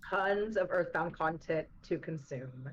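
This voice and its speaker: A woman's voice: low voice, measured pace. A woman doing casual, upbeat race commentary, her voice coming through a built-in webcam mic that sounds like she is in a tunnel. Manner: upbeat, chatty, many fillers. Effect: muffled webcam mic that sounds like a tunnel.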